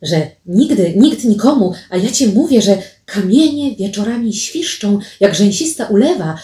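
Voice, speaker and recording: A woman voicing a dreamy, feverish young maiden who talks in a breathy, coaxing way. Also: mid-range voice, mellow, close to an everyday voice. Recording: roomy, distant mic.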